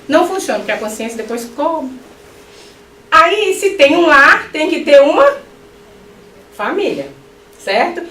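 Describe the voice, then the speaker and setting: A middle-aged woman giving a spiritist lecture, animated, with joking asides to her audience. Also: sits high, slight background noise. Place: lecture hall. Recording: echoey hall, mic at a distance.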